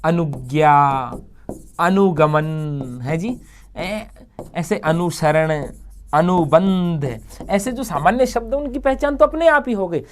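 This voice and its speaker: A man's voice: a little high, slow pace, a little hiss or hum. A man teaching a grammar lesson in a classroom-style delivery. He drags out each example word as if dictating it. He poses questions to his students, answers them himself, and keeps asking listeners to repeat the words aloud with him.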